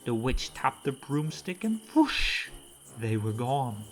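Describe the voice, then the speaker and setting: A woman storyteller reading a children's story aloud in an animated narration style. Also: very deep voice, takes it slowly.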